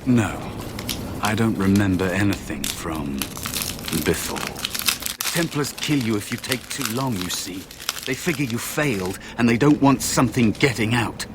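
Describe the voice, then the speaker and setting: An actor playing a wary, sorrowful spirit of a lost young apprentice in a fantasy video game, hesitant and cautionary. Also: male voice, lowish voice, expressive, a little slow, heavy background noise. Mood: wistful.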